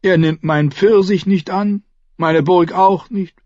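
A man voicing a smug, mocking young nobleman in a high, taunting, drawn-out voice. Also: fairly even intonation, a little mellow, no echo, lo-fi sound.

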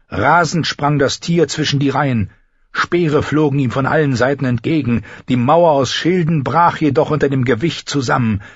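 Male audiobook narrator, husky timbre, measured dramatic delivery, dull lo-fi recording. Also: medium pitch, dry recording. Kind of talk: scripted fantasy audiobook narration. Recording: slightly dull lo-fi dry recording.

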